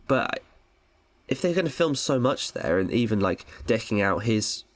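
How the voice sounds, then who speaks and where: A man from England co-hosting a film podcast, chatting casually and jumping into high mocking voices when he quotes people. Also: sing-song, normal speed. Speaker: podcast co-host.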